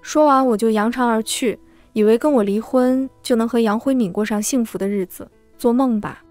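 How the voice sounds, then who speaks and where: A woman narrates a first-person story in a steady, measured reading voice that sits somewhat high. The recording is close and dry, with faint music underneath. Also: no room sound.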